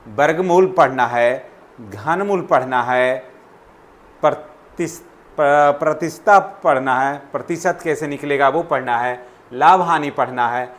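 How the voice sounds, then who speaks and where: A man, hosting a channel and reading out an exam syllabus topic by topic in quick, repetitive instructions. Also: a little high. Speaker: channel host.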